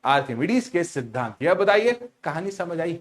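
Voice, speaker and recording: Animated high-voiced teacher. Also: male voice, brisk. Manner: animated, teasing, repeats key words as questions. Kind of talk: lively storytelling lecture.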